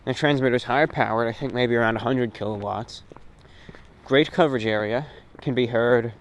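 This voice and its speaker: The host of a radio and online show records a casual, reflective monologue while out on a walk, rambling in short phrases. His voice is medium-pitched at a moderate pace, with clear ambient noise behind it.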